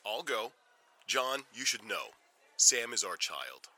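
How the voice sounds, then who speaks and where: Audio drama: male doctor actor, anxious and pointed, lowish pitch, very sharp bright tone. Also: big pitch swings, takes it slowly, creaky, exaggerated voice. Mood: confrontational.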